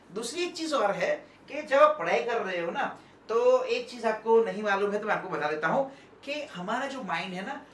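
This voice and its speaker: A man giving a motivational talk to students. He is animated, moves between soft and loud speech on purpose, and keeps asking "okay?" to check in with his listeners. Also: high-pitched, slight background noise. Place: indoor room, standing and moving about. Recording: echoey room, mic at a distance.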